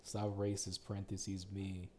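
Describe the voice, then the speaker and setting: A man's voice: low voice, monotone, unhurried, warm tone, slight background noise. A young man co-hosting a casual podcast chat, teasing his friends and laughing often. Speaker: podcast co-host.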